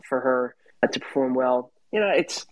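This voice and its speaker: A man co-hosting a rugby podcast, talking in a measured, hedging way. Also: mid-range voice, lively intonation, dry recording, rough recording. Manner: measured, hedging, uses fillers. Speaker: podcast co-host. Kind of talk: casual rugby chat.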